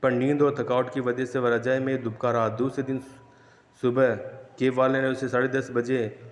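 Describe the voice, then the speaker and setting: A man tells ghost stories in a measured, flat voice with a middle pitch. His words ring out in a roomy space with a long, hollow tail of reverb. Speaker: storyteller. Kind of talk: horror story narration. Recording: echoey room with long reverb.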